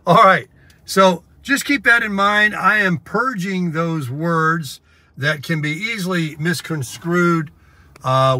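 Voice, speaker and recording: This American man vlogs casually to the camera, explaining things in a rambling, chatty way. His voice is a little high, pushed and bright, with no echo. He's in a car and out in a parking lot, and the car and outdoor background noise comes through clearly.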